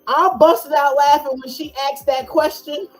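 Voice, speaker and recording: Animated woman podcast host, lively banter. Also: sits high, a little slow, faint music behind, rough recording. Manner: loud, laughing, animated banter. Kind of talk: casual chat. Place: home, eating on a livestream.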